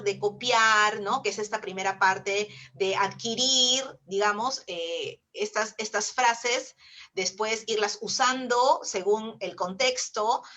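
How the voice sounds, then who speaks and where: Bright-voiced Peruvian woman teaching teachers. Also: fairly high pitch. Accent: Peruvian Spanish. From Peru. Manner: explanatory, with frequent tag questions. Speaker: webinar speaker on teaching. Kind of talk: online teacher-training webinar talk.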